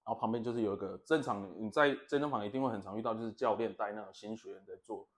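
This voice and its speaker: A man's voice: lowish voice, racing. A man, hosting a casual podcast chat and telling rambling stories that he laughs at himself. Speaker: podcast host.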